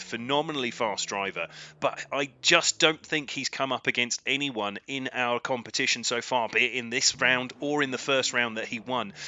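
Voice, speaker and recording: A man commentating a live sim drift racing event, his voice climbing with excitement during the battles. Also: mid-range voice, slight background noise.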